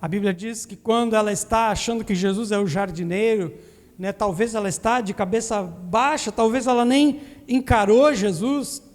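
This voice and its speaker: A man's voice: high voice, normal speed. A man from southern Brazil preaching a sermon to a congregation, earnest and questioning, in a church sanctuary. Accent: Brazilian Portuguese, southern Brazil. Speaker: pastor. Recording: long hall reverb in a church.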